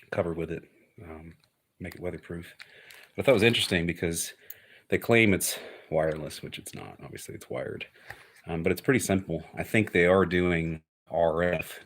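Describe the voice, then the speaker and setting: Against slight background noise, a man with an extremely low voice casually shows off a piece of hobby electronics, unscripted. He lays out the technical details plainly and matter-of-factly, like an informal demo.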